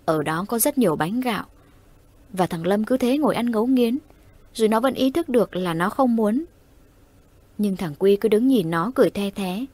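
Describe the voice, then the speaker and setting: A woman narrating a horror audio story in a steady, suspenseful way. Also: mid-range voice, husky, dry recording.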